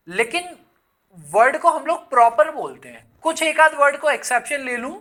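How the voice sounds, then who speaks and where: In Hyderabad, a male English exam teacher gives a casual online lesson in a very high voice that sounds pushed and bright. He is chatty, mixes English words into his Hindi, and calls his viewers "son".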